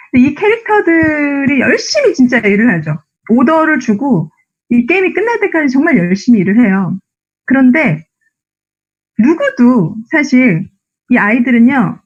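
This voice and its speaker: A woman speech instructor lectures an audience in a high, animated voice that swings up and down, often asking rhetorical questions. The recording sounds a bit dull and lo-fi. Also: breathy edge. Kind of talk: lively motivational lecture to an audience.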